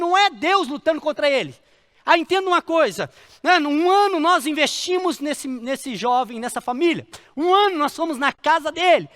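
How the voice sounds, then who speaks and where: A middle-aged man, preaching a sermon as a pastor and telling a story with lively repetition. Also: very high voice, in a large hall. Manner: animated storytelling, repeating phrases for emphasis.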